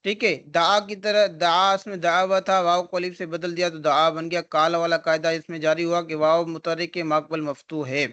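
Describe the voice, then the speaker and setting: Man, teacher, high voice, online lesson over a call, step-by-step explanations. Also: level tone, hardly any pauses, a bit bright, smooth. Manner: explains step by step, asks and answers his own questions. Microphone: video call.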